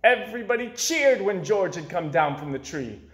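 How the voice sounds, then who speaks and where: Here a storybook reader in his 20s delivers an expressive read-aloud for children in a high-pitched, very animated voice that's a bit bright, at normal speed. The small bookshelf-lined room gives the audio a roomy indoor echo.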